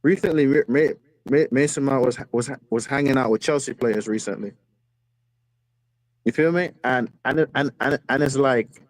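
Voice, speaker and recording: A medium-pitched man calls a football fan stream by phone video call and launches into a casual yet heated rant, echoing his own phrases for emphasis. The recording has no echo but is of low quality.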